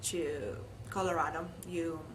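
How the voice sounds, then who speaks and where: Speaking with an Italian accent, an Italian woman looks back thoughtfully on her life in an oral history interview. Her voice is low with fairly even intonation and a slightly slow pace, and clear background noise and room ambience come through.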